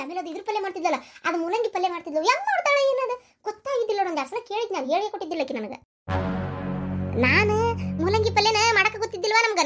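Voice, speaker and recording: Someone voicing a fast-talking, squeaky village gossip. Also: bright, forceful tone, full character voice. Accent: North Karnataka Kannada. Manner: rapid, gossipy storyteller. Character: gossiping married village woman. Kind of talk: cartoon comedy voice acting.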